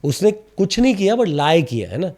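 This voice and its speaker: An actor shares lively anecdotes in a casual podcast interview, speaking at normal speed in a high-pitched voice. He stammers slightly and mixes in English phrases.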